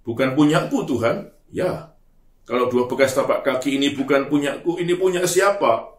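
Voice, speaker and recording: A pastor voicing an anguished dreamer in a sermon story, who cries out to God in a high, strained, pleading voice. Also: male voice, normal speed, lightly acted. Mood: bewildered. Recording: roomy echo.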